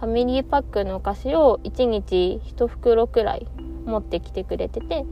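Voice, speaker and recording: A woman's voice: on the high side, normal speed, faint music behind. A woman with a nasal, stuffy-nosed voice from a cold, chatting casually in a personal audio diary recorded outdoors on the way home. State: congested with a cold. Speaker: solo audio diary host. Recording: muffled, noisy outdoor recording.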